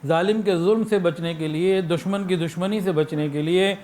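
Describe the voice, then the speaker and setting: A man's voice: sits high, steady tone, a little mellow. A man with a Pakistani Urdu accent delivering a sermon, illustrating his points with anecdotes and acted-out phrases. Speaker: preacher.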